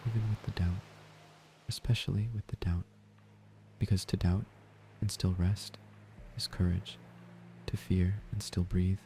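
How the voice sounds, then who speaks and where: A man gives a slow, soft-spoken guided sleep meditation in a gentle, breathy near-whisper. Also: low voice, slight background noise. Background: ocean waves and gentle music.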